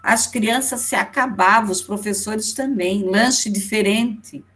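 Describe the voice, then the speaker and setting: A woman's voice: mid-range voice, takes it slowly, a bit bright. Brazilian woman lecturing conversationally. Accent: Brazilian Portuguese. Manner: conversational, with frequent check-in tags to the class. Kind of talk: online lecture.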